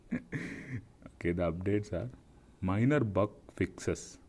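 A man's voice: sits low, very slow, darkish tone, a little hiss or hum. A young man hosting a podcast, reading dating profiles aloud with profane, sarcastic, mocking comic commentary. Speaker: podcast host.

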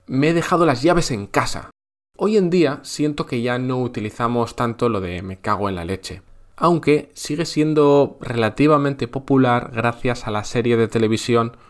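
A man's voice: mid-range voice, fairly bright tone. Playful Spanish man teaching a lesson. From Spain. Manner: playful, dry jokes, explains slowly with examples. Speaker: podcast host teaching Spanish. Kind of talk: scripted podcast lesson. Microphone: podcast microphone.

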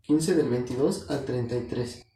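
A man's voice: medium pitch, measured pace, warm tone. A man preaching a sermon. He talks earnestly, calls his listeners brothers and corrects himself now and then. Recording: echoey room.

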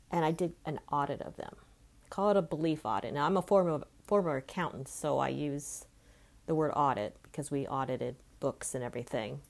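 A woman speaks in a notably low voice. She talks earnestly and conversationally, thinking aloud as she reflects in a personal vlog. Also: a little mellow. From California. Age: 50s. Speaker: self-help vlogger.

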